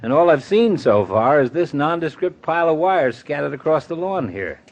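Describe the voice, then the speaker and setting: An actor playing a wisecracking middle-aged family doctor in a 1950s radio comedy, dry and mocking. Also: male voice, a little high, sing-song, normal speed. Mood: wry. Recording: dull, band-limited 1950s radio recording.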